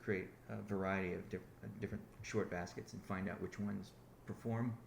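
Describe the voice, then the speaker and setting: This is a man's low, gravelly voice in an echoey room, with slight background noise. A company founder on a conference call, he gives a fairly quick, rambling business update in a fairly even tone, frequently self-correcting and starting his sentences over.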